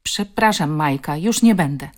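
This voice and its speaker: A woman's voice: deep voice, animated, normal speed, darkish tone. A woman voicing a cocky schoolboy bully who jeers and sneers. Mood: sulky. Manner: jeering, sneering.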